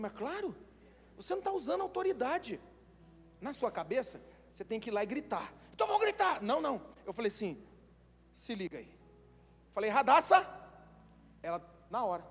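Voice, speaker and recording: A Brazilian man preaching a sermon as pastor, telling animated stories and building up to shouts. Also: very high voice. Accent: Brazilian Portuguese. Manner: animated storytelling, acts out voices, builds to shouting. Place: church hall. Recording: long church hall reverb.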